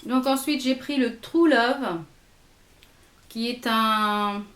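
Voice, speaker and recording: A woman's voice: a little high, slow, a bit bright, roomy sound. A woman vlogger chatting casually and hesitantly through a makeup haul, swatching products as she goes. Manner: chatty, hesitant with many fillers, swatching products on her arm. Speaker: beauty vlogger.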